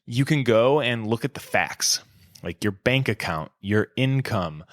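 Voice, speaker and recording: A man's voice: medium pitch, animated, a little slow, dry recording, clean studio sound. A man in his thirties hosting a podcast as a coach, talking in a candid, reflective, conversational way. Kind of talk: casual solo podcast talk.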